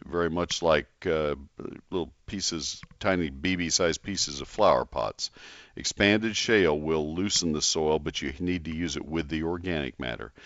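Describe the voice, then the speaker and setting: A man hosting a gardening radio show, speaking in a deliberate, instructional way as he spells out and repeats details. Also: sits low, a bit bright, no room sound, highs cut off. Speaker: gardening call-in radio host. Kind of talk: live radio ad reads and caller advice.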